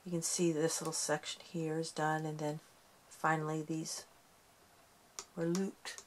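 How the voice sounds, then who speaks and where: A woman's voice: deep voice, little pitch movement, measured pace, a little hiss or hum. A woman hosting a casual craft tutorial, chatty and self-deprecating as she talks through each step while working with her hands.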